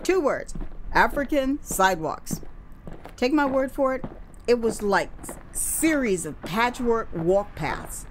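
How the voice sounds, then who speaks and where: The audio is poor, with a little hiss or hum, as an American woman slowly narrates her first-person memoir in theatrical audio-drama style. Her pitch is fairly high, and she draws out words for emphasis while adding chatty asides.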